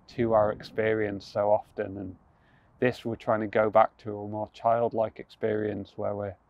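A young man with a fairly low voice guides a mindfulness practice, calm, unhurried and gentle. He is recorded outdoors on a rooftop through a small earphone mic, and the sound is somewhat dull and lo-fi. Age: young adult. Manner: calm, slow and gentle, with soft restarts. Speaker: mindfulness instructor.

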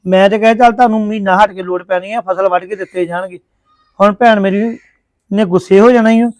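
A man's voice: high voice, fairly even intonation, a little fast, dry recording. A man acting a placating brother-in-law in a family drama. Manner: placating, apologetic.

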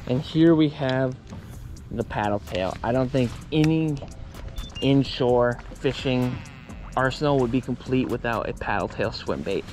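A man on a boat explaining fishing lures in a relaxed, casual way, often saying "man", recorded on a body-worn action camera outdoors. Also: medium pitch. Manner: laid-back, says "man" often. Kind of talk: casual outdoor how-to talk. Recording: outdoor camera audio with steady noise.

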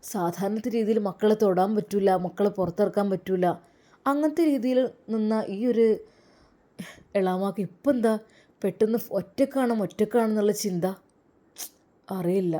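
A woman's voice: mid-range voice, normal speed, long pauses, warm tone, lightly acted. A woman voicing a worried, devout young man who speaks in a rush and prays under his breath. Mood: worried hurried.

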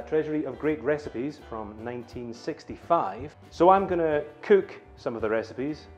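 A man hosting a comedic home cooking vlog in a kitchen, with wry, deadpan humor. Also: a little high, lo-fi sound. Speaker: cooking show host.

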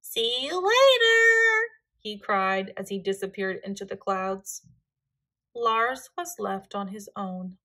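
A woman reading a children's picture book aloud, with gentle, expressive narration. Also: medium pitch, slow. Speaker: storyteller.

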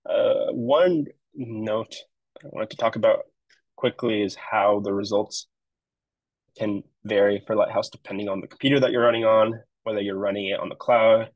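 A man's voice: fairly low pitch, steady tone, moderate pace, dry recording, muffled recording. A man on a marketing web team giving a casual, explanatory screen-share walkthrough of a project he set up, with frequent fillers. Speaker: web developer.

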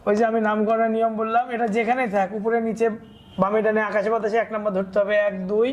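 A man's voice: high voice, flat delivery, fast, lo-fi sound, a little hiss or hum. Patient male chemistry teacher counting aloud. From Bangladesh. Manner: patient, step-by-step, asks and answers own questions. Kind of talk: classroom lesson, counting carbons aloud.

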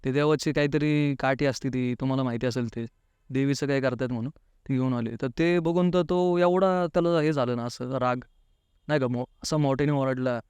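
Here his mid-range voice has a darkish, clean tone, delivered a little fast in a dry recording. The Pune native chats through a personal story as an interview guest, keeps inserting the filler "नाही का", and frequently acts out what people said.

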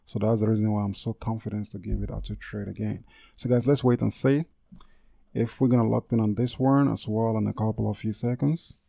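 A man's voice: fairly low pitch, fairly even intonation, fairly quick, gravelly, mellow, no room sound. A man hosting a casual trading tutorial over a screen recording, repeating himself and correcting his words with many fillers. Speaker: trading channel host.

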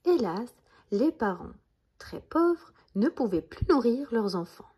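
A woman reading a bedtime story aloud in a gentle voice that often drops to a half-whisper. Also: a little high, very animated, slow, slightly rough.

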